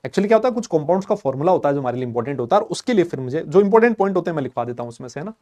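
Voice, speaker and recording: A man teaching a chemistry class, chatty and lively, quizzing and teasing his students and mixing English terms into his talk. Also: fairly high pitch, very fast. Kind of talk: classroom lecture.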